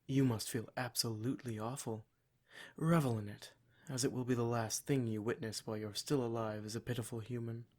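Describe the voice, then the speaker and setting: A man acts out a scripted ASMR roleplay as a cruel male demon who smugly taunts his adventurer captives. He delivers the part formally and with mock-polite menace, using a brisk, medium-pitched voice with a level tone that stays close to how he'd normally talk.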